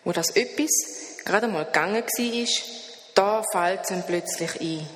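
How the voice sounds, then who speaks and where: A woman's voice: mid-range voice, a little slow, slight background noise. Swiss woman reading a story aloud. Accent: Swiss German. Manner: lively, expressive reading. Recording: roomy hall reverb, faint background.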